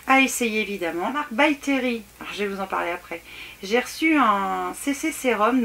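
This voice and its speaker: A woman's voice: on the high side, a bit bright. A woman chatting casually through a beauty box unboxing, hesitant and full of restarts. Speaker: beauty vlogger. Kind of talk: casual product unboxing review. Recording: faint background noise and clicks.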